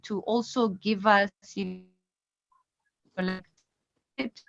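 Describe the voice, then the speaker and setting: A woman moderating an online panel, her video call audio breaking up and dropping out as she talks in a halting, apologetic way. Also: mid-range voice, fairly even intonation, vocal fry, no echo. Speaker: webinar moderator. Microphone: laptop or phone on video call. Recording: muffled video call line.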